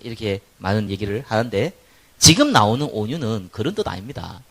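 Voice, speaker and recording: A male pastor with a Gyeongsang accent, preaching a sermon and acting out the people in his stories, his voice rising loud for stress and dropping to quiet asides. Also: lowish voice, very animated, brisk, slightly rough. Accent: Gyeongsang Korean.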